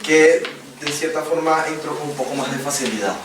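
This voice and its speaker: A man speaking as a guest on a round-table panel, telling about his work as an athlete in a lively, animated way. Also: fairly high pitch, a little fast. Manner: lively, animated storytelling with laughter. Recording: echoey room, distant mic, noisy.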